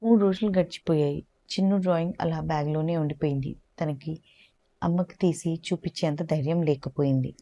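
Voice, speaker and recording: A woman telling a calm, gentle story for parents and ending with advice. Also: deep voice, a little fast.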